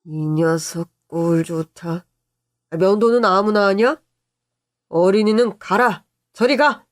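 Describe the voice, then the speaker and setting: A woman voicing a kind-hearted middle-aged uncle who talks in a gruff, playful, blustering way. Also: lowish voice, takes it slowly, no room sound, clean studio sound. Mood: teasing.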